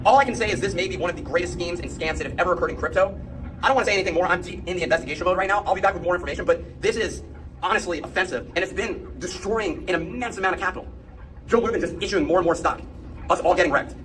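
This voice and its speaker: Man on sped-up video playback, chipmunk pitch, very fast, indignant and emphatic. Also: fairly bright tone, a little hiss or hum, rough recording. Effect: sped-up playback, high chipmunk-like pitch. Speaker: crypto influencer. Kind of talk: ranting video commentary.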